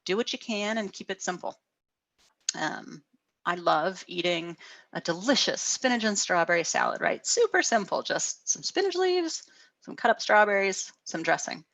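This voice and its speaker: A middle-aged woman counselor giving a gentle guided wellness talk over a video call, often asking "right?". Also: mid-range voice, very animated, normal speed, creaky, dry recording. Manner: gentle, frequent "right?" tags.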